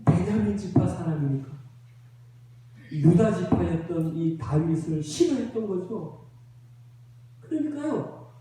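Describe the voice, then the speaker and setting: A male pastor preaching a sermon, telling a story slowly and dramatically with rhetorical questions to the congregation. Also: very high voice, mellow. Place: church sanctuary. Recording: roomy church echo, voice from a distance.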